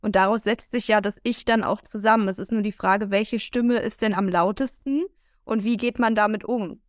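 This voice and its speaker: A woman co-hosting a casual podcast chat, reasoning calmly and reflectively. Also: medium pitch, moderate pace, no room sound, clean studio sound. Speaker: podcast co-host.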